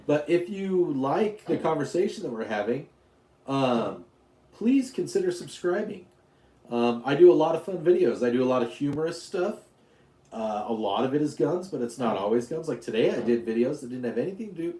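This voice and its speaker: Rambling dad on a live stream. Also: male voice, a little high, animated, moderate pace, dark tone, echoey room. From Utah. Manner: rambling, answers chat questions, jokes around. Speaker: YouTube livestream host. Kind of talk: casual live-stream chat.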